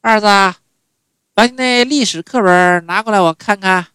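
A man voicing an elderly mother in a stand-up comedy monologue, brisk and down-to-earth as she calls out to her son. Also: medium pitch, a bit bright, clean tone, dry recording, pitched above the performer's own voice, close to an everyday voice. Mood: calling. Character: elderly mother, plain-spoken, dryly humorous.

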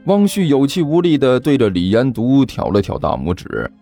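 A man narrating an audiobook in an animated storytelling manner. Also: mid-range voice, normal speed, faint music behind.

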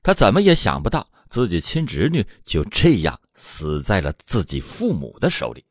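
A man's voice: low voice, wildly swooping pitch, normal speed, husky, dry recording, studio quality. A man hosting a true crime storytelling show, narrating a court case from a script with dramatic emphasis at the start of phrases.

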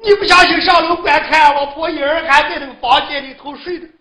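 A woman's voice: sits high, steady tone, fast talker, sharp tone, reverberant. A woman voicing a hot-tempered young man who sobs and protests he is wronged, in Shaanbei storytelling. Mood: aggrieved. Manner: wailing, sobbing protests. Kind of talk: Shaanbei storytelling role-play.

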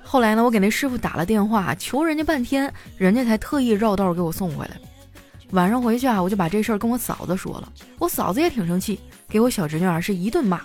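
Animated woman comic storyteller. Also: mid-range voice, quick pace, faint music behind. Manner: animated storytelling, chatty filler particles. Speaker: comedian. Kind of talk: stand-up comedy monologue.

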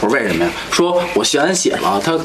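A man's voice: a little high, animated, fast talker, background noise. A man with a Beijing accent hosting a casual chat among friends, colloquial and slangy, often repeating himself. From Beijing, China. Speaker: host of a group talk show.

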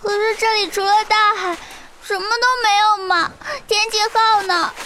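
A woman's voice: very high-pitched, fairly even intonation, moderate pace, background noise. A woman voicing a clingy, easily frightened little girl who pleads and whines at her older sister, over background music. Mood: worried. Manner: pleading, whiny childlike asking. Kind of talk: amateur audio drama.

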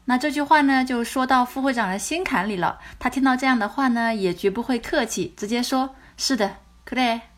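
A woman language teacher explaining dialogue from a drama scene line by line, in patient, animated explanations. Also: on the high side, brisk, hardly any pauses.

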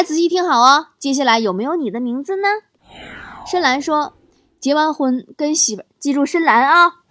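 A woman's voice: sits high, fairly bright tone. A woman hosting a chatty show, playfully reading out listener jokes and teasing her audience. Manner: playful, teasing, laughs between stories. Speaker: radio-style host reading listener messages. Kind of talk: casual chat, reading jokes aloud. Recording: noisy recording.

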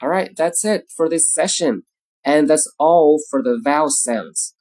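A man teaching pronunciation, saying each example word twice in a deliberate way. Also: on the high side, darkish tone. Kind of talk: pronunciation lesson.

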